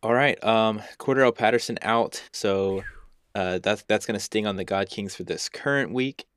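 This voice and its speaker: A young man with a low voice talks loosely on a podcast. He rambles and pokes fun at himself, restarting his sentences often. His recording is dry and close, with no room sound. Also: normal speed, a bit bright, clear, resonant tone, dry recording. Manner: rambling, self-deprecating, many restarts and fillers. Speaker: podcast co-host and youth basketball coach. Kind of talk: casual podcast chat.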